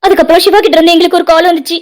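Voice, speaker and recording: A woman's voice: very high voice, flat delivery, racing, very noisy. A woman voicing an angry pregnant young wife in a cartoon drama, accusing and sarcastic.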